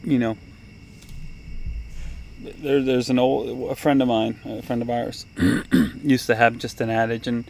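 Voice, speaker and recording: A man co-hosting a casual podcast outdoors in a backyard, talking in a halting, rambling way. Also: mid-range voice, fairly even intonation, vocal fry, darkish tone, a little hiss or hum. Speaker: podcast co-host.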